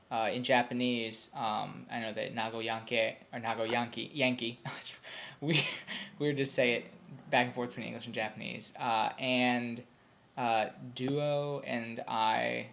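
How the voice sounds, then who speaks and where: A young man in a quick, casual home video, mid-pitched and rambling. He fills his talk with ums and restarts, and he stops to sound out short examples. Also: vocal fry. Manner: demonstrates sounds aloud. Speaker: language learner explaining pronunciation.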